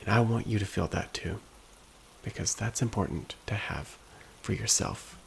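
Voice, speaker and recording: A man speaking in a slow, soft, hushed and gentle ASMR pep talk style, at times whispery. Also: a little hiss or hum, low-quality recording. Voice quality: low, very creaky. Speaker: ASMR host.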